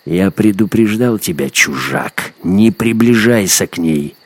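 A man voicing a brutal, gloating young male hunter who shouts and mocks in a storybook reading. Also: deep voice, animated, measured pace. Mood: menacing. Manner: shouting, menacing, mocking. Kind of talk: audiobook character acting.

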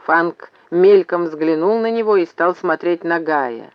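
A man reading an audiobook with steady, dramatic narration, on a slightly dull lo-fi recording. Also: fairly high pitch, measured pace, smooth, dry recording.

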